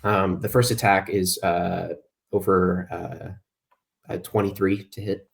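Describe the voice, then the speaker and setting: A man's voice: sits low, fairly even intonation, slow, gravelly. A man running an online tabletop game as game master, talking with frequent ums and uhs. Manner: hesitant, many ums and uhs.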